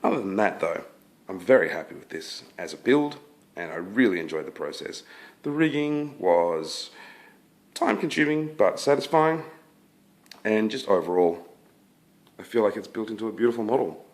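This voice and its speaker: Croaky from being sick, a low-voiced hobbyist shows off his finished scale model to camera in a casual review. He sounds relaxed and unhurried but hesitant, thinking aloud with many fillers and restarts.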